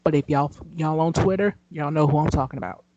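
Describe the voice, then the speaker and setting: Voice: medium pitch, a little fast, warm tone, dry recording, highs cut off. A co-host on a casual podcast, speaking emphatically with a chatty, informal manner. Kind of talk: casual chat.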